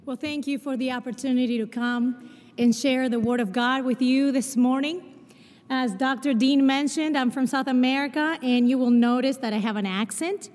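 A woman's voice: high voice, fairly even intonation, moderate pace, a little mellow. A woman from Argentina with a Spanish and Portuguese accent, giving a sermon in a large chapel and telling stories with self-deprecating humor. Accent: Spanish and Portuguese mix. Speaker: chapel speaker. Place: large chapel, live service. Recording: long reverb of a large chapel.

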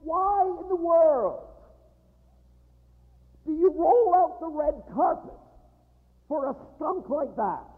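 A man's voice: very high voice, animated, slow, pauses often, voice pushed up, full character voice. A man playing a resentful older brother who complains with indignation, heard in an echoey hall. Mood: indignant. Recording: echoey hall, tinny narrow sound.

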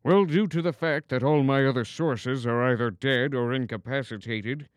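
A man playing a deadpan smug news anchor. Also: mid-range voice, moderate pace, no echo, clean studio sound, lightly acted. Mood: snarky deadpan. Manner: deadpan, snarky. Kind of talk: comedy news spoof.

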